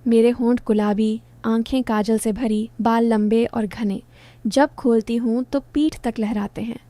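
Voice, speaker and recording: A woman in her twenties narrates a first-person story in short, softly teasing phrases. Her voice sits a little high yet stays mellow and warm. The sound is close and dry, with no room around it. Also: steady tone, unhurried, no echo. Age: 20s.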